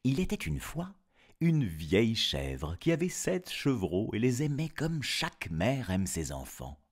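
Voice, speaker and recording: A man's voice: medium pitch, huge pitch swings, unhurried. A man narrating a fairy tale in a playful way, breaking off for wisecracking asides. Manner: playful, wisecracking, laughs at own puns. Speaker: storyteller. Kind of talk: storybook narration with comic asides.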